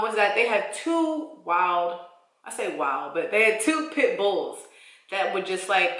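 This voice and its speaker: A young woman with a bright, forceful voice talks straight to her viewers, telling a story from her life. Her speech is casual and slangy, full of "like"s. The recording has the bounce of an echoey room. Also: mid-range voice. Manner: expressive, slangy storytelling with many "like"s. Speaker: vlogger. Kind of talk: storytime vlog.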